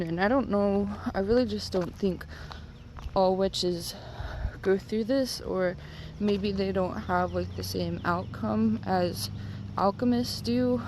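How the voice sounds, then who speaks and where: A stoned woman rambling casually and haltingly, with lots of filler "like"s, as she vlogs on a walk. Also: mid-range voice, darkish tone, a little hiss or hum. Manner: rambling, halting, heavy use of "like". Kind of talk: casual rambling vlog talk. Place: outdoors, on a walk.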